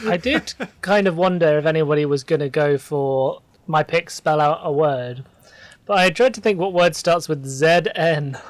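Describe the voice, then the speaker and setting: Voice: mid-range voice, normal speed. A podcast co-host making dry quips in casual chat. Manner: dry, quippy.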